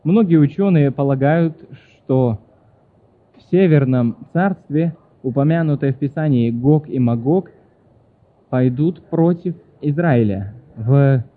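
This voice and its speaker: A man preaching a sermon, reading questions aloud and answering them, often correcting himself and apologizing. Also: mid-range voice. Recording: tinny phone-like sound.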